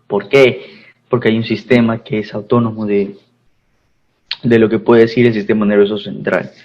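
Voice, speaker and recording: A man's voice: lowish voice, level tone, moderate pace, muffled recording. A man with a Peruvian Spanish accent teaching a pharmacy class, repeating his phrases and checking in with students. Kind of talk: online class lecture.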